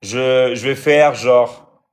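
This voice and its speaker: A man talks casually on a live stream, answering comments from viewers. His delivery is hesitant and full of fillers and restarts. He keeps checking that his audience is following. His pitch sits at an ordinary middle level for a man. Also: extremely slow. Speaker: live-stream host and coach.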